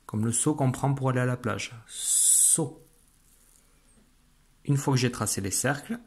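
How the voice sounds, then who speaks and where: Guy teacher doing a phonics video for little kids, slow careful sounds, middle pitch. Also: a little hiss or hum. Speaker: primary school teacher. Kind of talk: recorded phonics lesson for young children.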